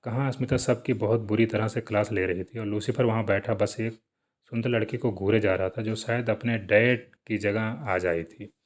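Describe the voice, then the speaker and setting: Low-voiced male storyteller. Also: steady tone, normal speed. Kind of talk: reading a serialized story aloud.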